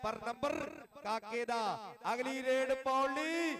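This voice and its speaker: A man with a Pakistani Punjabi accent doing frantic rural sports commentary, excited, urgent and repetitive. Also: extremely high pitch, slow pace. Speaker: kabaddi commentator. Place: outdoor village kabaddi ground. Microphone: live commentary microphone. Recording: loud outdoor crowd behind PA commentary.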